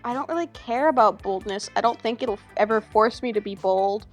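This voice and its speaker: A woman's voice: a little high, brisk, soft background music. A woman player chatting casually over a game, giggly and hesitant. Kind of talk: casual chat while gaming.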